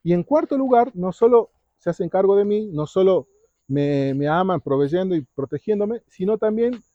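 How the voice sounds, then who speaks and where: A man's voice: high-pitched, expressive, normal speed, no echo. A man giving a Bible talk to preteens at a retreat, often quizzing his listeners and tagging his lines with "¿sí?". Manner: keeps asking the audience questions, tags lines with "¿sí?". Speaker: youth retreat speaker. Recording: dull lo-fi recording.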